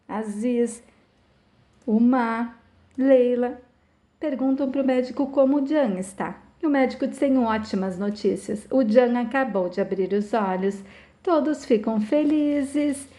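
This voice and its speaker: A woman's voice: high voice, warm tone. A woman with a Brazilian accent casually retelling a soap opera plot, quoting each character's lines one after another. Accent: Brazilian Portuguese. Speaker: channel host recapping a soap opera. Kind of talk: casual spoken plot recap.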